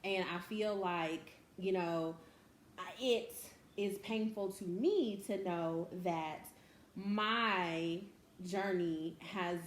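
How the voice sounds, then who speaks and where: A woman's voice: fairly low pitch, extremely slow. Woman, mother, heartfelt and laughing, echoey room, faint hiss. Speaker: host, mother. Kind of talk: emotional casual talk.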